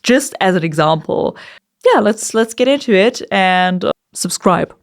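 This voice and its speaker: Clear-voiced woman giving a casual tutorial. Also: mid-range voice, lively intonation, unhurried. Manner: informal, chatty, occasional swearing. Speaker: vocalist giving a screaming tutorial. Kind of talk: casual instructional talk.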